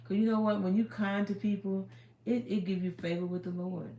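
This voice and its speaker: A woman's voice: mid-range voice, steady tone, fairly quick, dark tone, reverberant, a little hiss or hum. A woman in her fifties chatting casually on a livestream, rambling and giving life advice, talking into her phone. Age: 50s. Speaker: livestream host.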